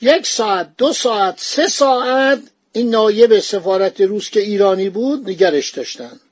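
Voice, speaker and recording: A man narrating a history podcast, moving between formal reading of old texts and colloquial retelling. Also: sits high. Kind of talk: storytelling narration.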